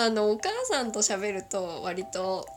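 A woman's voice: mid-range voice, takes it slowly, soft background music. A woman from Kagoshima with a mixed northern Kyushu accent, rambling through a casual solo chat and giggling often. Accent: northern Kyushu Japanese. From Kagoshima, Japan.

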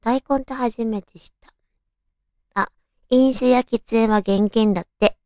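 A young woman with a cute, girlish anime-style voice gone hoarse, hosting a casual solo radio talk in a cutesy, chatty way. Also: fairly high pitch, steady tone, measured pace, a little mellow, no room sound, studio quality. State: hoarse, raspy from overuse.

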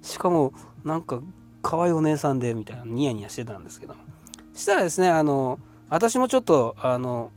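Relaxed rambling man in his fifties. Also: mid-range voice, fairly quick, soft background music. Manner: relaxed and rambling, with frequent fillers. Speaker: podcast host. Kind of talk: casual storytelling monologue.

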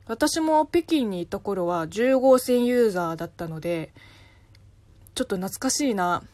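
A woman's voice: moderate pace, no echo. A woman from China with a light Chinese accent, hosting a casual solo radio talk and answering listener questions with spoken examples. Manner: chatty, explains with spoken examples, lively pitch swings.

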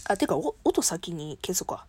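Playful Kansai woman, lively voice. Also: mid-range voice, breathy edge. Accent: Kansai Japanese. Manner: playful, self-mocking, chatty. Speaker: solo podcast host. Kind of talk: casual solo talk with impressions.

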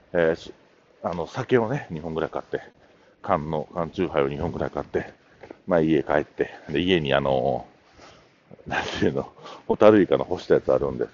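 A man's voice: a bass voice, a little mellow, highs cut off, slight background noise. A middle-aged man with a Kansai accent, hosting a casual solo talk show and telling stories in a chatty, meandering way. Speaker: podcast host.

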